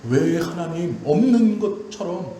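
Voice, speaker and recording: A male pastor preaching a sermon with passion, his voice rising high and then sinking low and quiet. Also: lively intonation, slow pace, a little hiss or hum. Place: church sanctuary. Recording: very echoey church hall, faint ambience.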